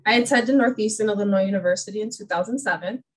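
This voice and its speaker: A woman from New York presents in an online webinar, upbeat and personal. She speaks over a video call mic at a middle pitch. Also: fast talker, low-quality recording. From New York, USA.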